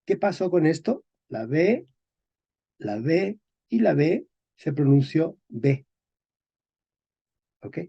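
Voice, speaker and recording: A man lectures at an unhurried, deliberate pace, repeating key words and pausing to check in with his listeners after nearly every phrase. His voice is dark and slightly husky. The recording is dull and lo-fi. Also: a little high, very animated. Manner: slow and deliberate, checks in constantly with "¿ok?" and "¿eh?". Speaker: teacher of Spanish historical phonology. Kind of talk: classroom lecture.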